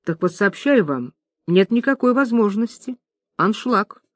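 Woman reader doing a breezy, cocksure businessman lover; voice dropped lower, dry and close. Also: expressive, a little slow, dry recording. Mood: matter-of-fact. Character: confident male factory owner, a sly, breezy lover.

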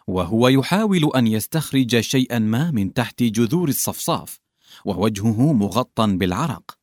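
Expressive male storyteller, lively pitch. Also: no room sound, studio quality. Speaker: narrator. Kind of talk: scripted literary narration.

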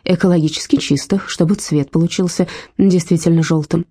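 A woman's voice: fairly low pitch, steady tone, a little fast, mellow, breathy edge, no echo, clean studio sound. A woman voicing a good-natured, chatty female carer in a read-aloud story. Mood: cheerful.

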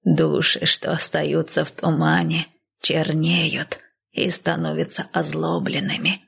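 Woman doing a frail old nanny, slow sighing half-whisper, low husky voice, gravelly edge, audiobook character. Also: little pitch movement, a bit bright, full character voice. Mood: sorrowful. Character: elderly nanny, frail, weary and tender.

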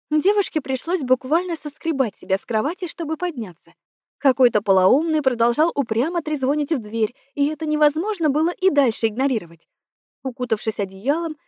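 A woman narrating an audiobook in a measured, expressive way. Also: sits high, no echo, clean studio sound. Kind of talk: scripted narration.

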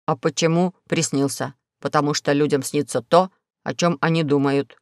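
A woman voicing a polite, fussy talking spaceship in a lower, measured tone. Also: steady tone, dry recording, studio quality. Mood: prim.

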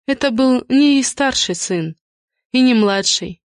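A woman narrating an audiobook in an even, measured reading. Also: high-pitched, no room sound, studio quality. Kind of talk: scripted narration.

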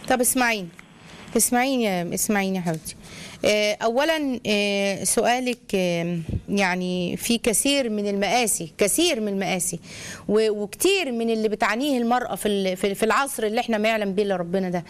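A woman's voice: medium pitch, quick pace. A middle-aged Egyptian woman hosting an advice show, probing the caller with questions and counseling her in a motherly, emphatic way. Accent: Egyptian Arabic. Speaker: radio advice host.

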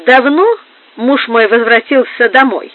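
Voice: medium pitch, measured pace, dry recording, natural voice. A narrator voicing a devout noblewoman duchess in a formal, courtly manner, raising the voice above the narration. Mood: startled. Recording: phone-like narrow band.

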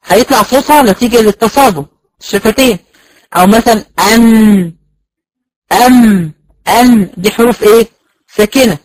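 A man's voice: high-pitched, fairly quick, dry recording, poor audio. A man with an Egyptian accent giving a recorded lecture on Quran recitation. He explains step by step, asks and answers his own questions, and sounds out letters as examples.

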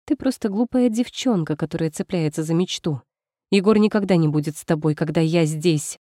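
A woman's voice: lowish voice, fairly quick, mellow, no room sound, studio quality, natural voice. A woman voicing a spiteful, mocking young female rival in a spoken story. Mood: scornful. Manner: mocking, taunting.

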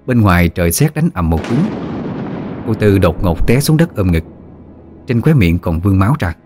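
A man narrating a ghost story in a steady, even manner. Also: sits low, normal speed, over music. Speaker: audiobook narrator.

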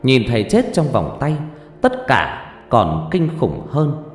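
A man's voice: mid-range voice, wildly swooping pitch, slow. A man reading a horror story aloud as a scripted narration. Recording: roomy reverb with faint music.

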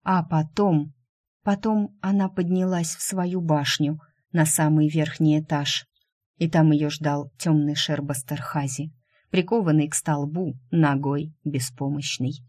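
Low-voiced woman reading a fantasy audiobook. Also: measured pace. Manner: expressive reading, voicing the characters. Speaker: narrator.

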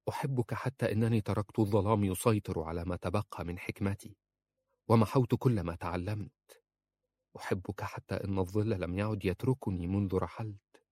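A man voicing an anguished, passionate young wife, quietly intense and pained. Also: on the low side, fairly even intonation, fairly quick, no room sound, natural voice.

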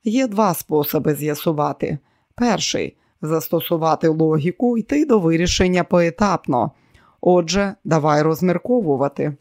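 A man's voice: fairly high pitch, animated, moderate pace, a little mellow, dry recording. Man reading a domineering, boastful villain, raised voice, dry audiobook sound. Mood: smug. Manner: boastful and commanding. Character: arrogant scheming man, quick to rage.

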